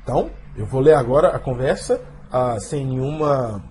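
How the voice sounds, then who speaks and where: A man's voice: mid-range voice, expressive, darkish tone, breathy edge. A man with a Brazilian accent teaching a beginner English lesson, pronouncing carefully and checking in with "ok?". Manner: slow, carefully spelled-out pronunciation with repeated "ok?".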